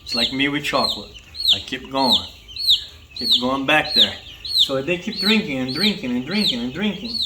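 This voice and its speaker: A man's voice: mid-range voice, normal speed, very noisy. A man hosting a vlog, casually explaining step by step how to care for baby chicks beside a coop. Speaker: vlog host.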